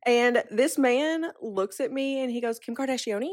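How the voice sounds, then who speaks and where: A woman's voice: on the high side, unhurried, darkish tone. A young woman with a Missouri accent, a podcast guest chatting casually. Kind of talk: casual chat.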